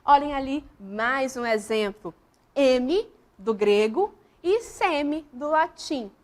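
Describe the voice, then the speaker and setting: Woman teacher w a high voice, going through examples one by one, keeps asking the class stuff. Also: expressive, slow pace. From Brazil. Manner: explains step by step, often asks the class questions and points to examples. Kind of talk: classroom lesson explanation.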